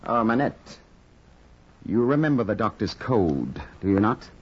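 An actor playing a sinister aristocrat who threatens with smooth, menacing politeness, in 1940s radio acting on a muffled old transcription. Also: male voice, fairly low pitch, big pitch swings, a little slow, heavily acted. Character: sinister aristocratic older brother, coldly threatening.

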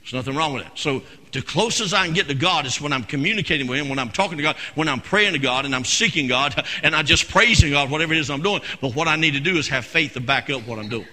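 Pastor, man, piercing high-pitched voice, swings from shouted preaching to quiet asides. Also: fast talker, few pauses, long reverb tail, slight background noise. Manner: preaches in shouted bursts, then drops to low, conversational asides. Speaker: senior pastor. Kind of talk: Pentecostal sermon. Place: church sanctuary.

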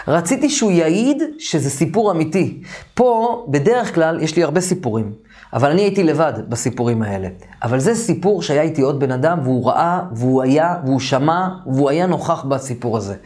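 A man teaching an online course, telling a first-person story in a lively, colloquial and emphatic way. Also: fairly high pitch.

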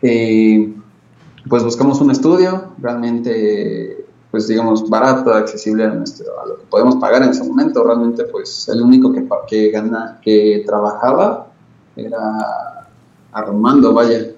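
A man's voice: on the low side, a little slow, a little mellow. A man with a Mexican accent chatting casually as an interview guest over an internet call from a small room. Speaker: guest, band bassist. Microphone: video call. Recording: echoey, distant, dull internet call.

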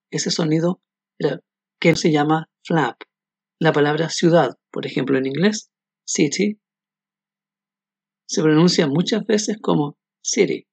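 A man teaching English pronunciation in a scripted podcast, explaining clearly and modeling words slowly. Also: a little high, a little mellow, no room sound.

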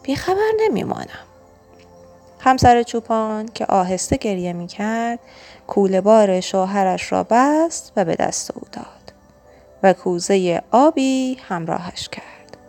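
A woman narrating a children's audiobook in an expressive, rhythmic storytelling manner. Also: medium pitch, soft background music.

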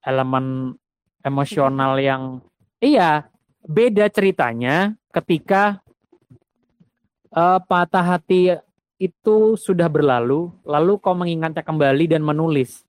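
A man talking about songwriting in a casual conversation, reflective and halting, restarting his sentences. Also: fairly high pitch, clean tone, no echo.

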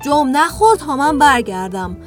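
A man voicing a young boy in a storybook reading, with a high boyish put-on voice. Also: big pitch swings, faint music behind. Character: young boy, embarrassed and evasive. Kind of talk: storybook voice acting.

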